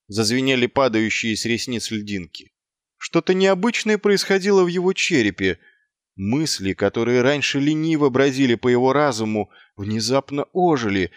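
A man narrating an audiobook with expressive storytelling. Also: mid-range voice, normal speed, dry recording, studio quality.

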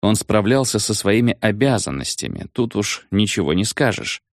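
Casting note: male audiobook narrator, animated storytelling, dry close-miked sound. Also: on the low side, moderate pace, no echo.

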